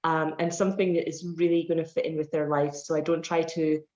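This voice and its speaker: Here the Scottish trainer talks fairly quickly in a low, slightly mellow voice with a level tone. In her forties and a guest on a casual interview, she rambles through her answers with many fillers. Audio comes from an online call that is roomy and dull.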